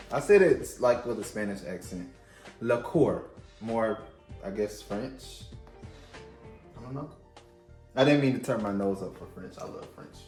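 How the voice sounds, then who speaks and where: A man's voice: medium pitch, a little mellow, reverberant. A man hosting a casual at-home drink-making video, with a playful, chatty manner, talking straight to his viewers. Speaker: vlog host.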